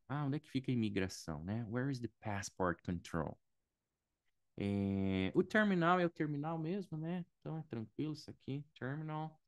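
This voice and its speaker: A man's voice: fairly low pitch, dry recording, studio quality. A man from Brazil teaching airport vocabulary in a casual online lesson, explaining patiently, checking in with his students often and thinking aloud. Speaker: English teacher.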